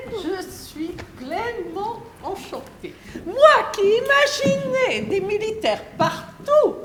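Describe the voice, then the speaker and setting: Woman as grand lady of the house, amateur stage play, affected theatrical delivery, lively pitch, echoey hall. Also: slight background noise, exaggerated voice. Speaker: lady of the house giving orders to a maid.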